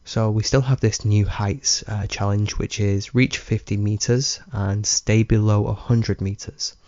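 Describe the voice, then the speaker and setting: A man with a low, dark, mellow voice talks through his gameplay in a relaxed, rambling way, chuckling as he goes. The sound is dry and a little dull, like a lo-fi home mic. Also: measured pace, dry recording. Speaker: let's play gamer. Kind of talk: casual gameplay commentary.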